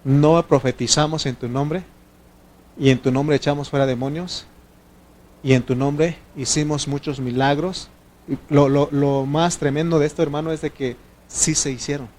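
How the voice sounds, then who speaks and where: Mexican pastor preaching with rhetorical questions. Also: male voice, steady tone, normal speed, slight background noise. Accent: Mexican Spanish. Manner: conversational preaching with frequent rhetorical questions to the congregation; acts out quoted prayers and dialogue with sudden louder, higher bursts. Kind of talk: sermon.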